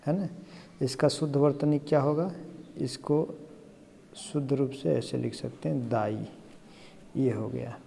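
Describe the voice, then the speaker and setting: Guy teaching hindi grammar for exams, step by step, keeps saying "है ना?", very dark mellow voice, long reverb. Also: mid-range voice, gravelly. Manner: explains step by step, often asks "है ना?". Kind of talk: exam-prep lesson.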